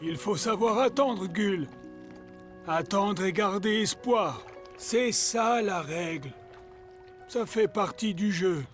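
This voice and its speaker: High-pitched, kindly young cartoon fisher. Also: male voice, slow pace, soft background music. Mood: patient. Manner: calm, reassuring. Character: patient, kindly young male friend and fisher. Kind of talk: French children's cartoon dubbing.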